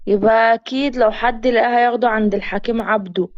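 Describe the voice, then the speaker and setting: A woman's voice: on the high side, fairly even intonation, quick pace, no room sound, lo-fi sound, natural voice. A woman with an Egyptian accent voicing a frightened young village woman who frets with constant exclamations. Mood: fretful. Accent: Egyptian Arabic. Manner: fretful exclamations.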